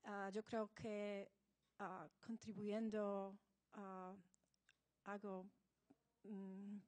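A woman speaks at a slow pace. She is halting and searches for words as she introduces herself. The sound is dry and close. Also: medium pitch, flat delivery, a little mellow, dry recording. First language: not Spanish. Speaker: conference attendee, developer. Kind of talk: hesitant self-introduction in halting Spanish.

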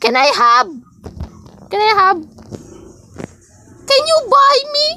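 A woman voicing a whiny, childlike figure who insists it is a real angel, in a squeaky, pleading, insistent tone. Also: lively intonation, slow, vocal fry, bright, forceful tone, a little hiss or hum, full character voice.

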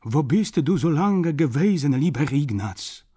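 A man's voice: a little high, animated, slow pace, husky, voice pushed up, full character voice. A man reading an audiobook, voicing a kindly old German grandmother who fusses over a guest. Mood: doting. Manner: warm doting exclamations.

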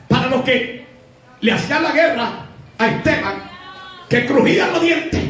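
Evangelist guy shouting a sermon way up high, super echoey church hall, music and crowd behind. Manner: shouts, stretches words, frequent "alabanza" and "aleluya". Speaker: evangelist preacher.

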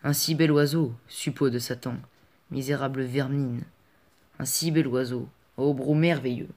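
A man's voice: mid-range voice, steady tone, unhurried, a little mellow. A man voicing a stern, cold middle-aged falconer in an audiobook reading, with a harsh, menacing delivery. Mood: furious.

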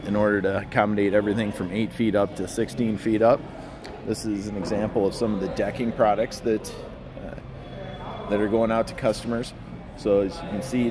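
Man giving a warehouse walking tour. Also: on the low side. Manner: relaxed, explanatory, frequent fillers and restarts. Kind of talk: casual walking tour narration. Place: large indoor warehouse. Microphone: handheld phone camera while walking. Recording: phone recording with clear background hum.

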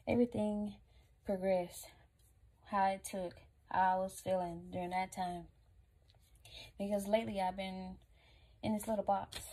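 A woman's voice: medium pitch, warm tone, husky. A woman vlogger chatting casually to viewers while she packs up orders from her online shop, talking in a loose, slangy way.

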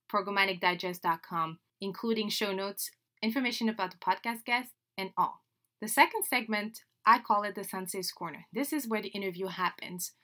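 This time the Senegalese host sounds medium-pitched, bright, and forceful. A native French speaker, she opens her podcast solo in a chatty, cheerful manner, laughing between phrases.

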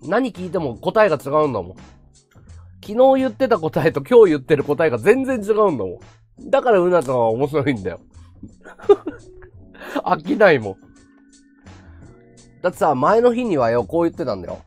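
Animated chatty man streaming. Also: on the high side, normal speed, pauses often, faint music behind. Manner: chatty, animated, laughs a lot. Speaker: livestream host. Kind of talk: casual chat to viewers.

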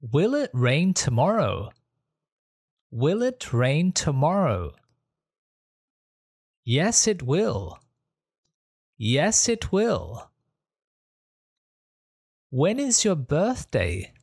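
A speaker reading short English questions and answers slowly and clearly, saying each line twice for learners. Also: mid-range voice, wildly swooping pitch, a little mellow, dry recording, studio quality. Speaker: English teacher. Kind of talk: slow repeated phrase reading for learners.

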